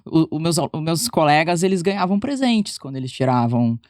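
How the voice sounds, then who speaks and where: Very animated and brisk, a low-voiced woman with a darkish tone guests on a podcast for a casual interview, chatting informally as a physiotherapist and filling her speech with fillers, restarts, and self-corrections. She's Brazilian, born in Minas Gerais and raised in Paraná, with a Paraná accent, recorded in clean studio quality with no room sound.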